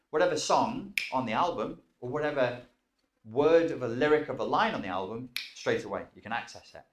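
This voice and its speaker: A man giving an informal self-help lecture in a casual, self-aware way, joking and swearing now and then. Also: medium pitch. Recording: roomy echoing sound.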